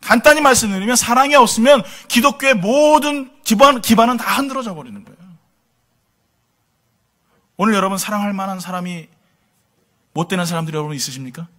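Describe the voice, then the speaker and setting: Middle-aged guy preaching, high bright voice, jokey and chatty with the crowd. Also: animated, brisk, pauses often. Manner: conversational preaching with humor and rhetorical questions. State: tired from lack of sleep. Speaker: pastor. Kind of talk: sermon.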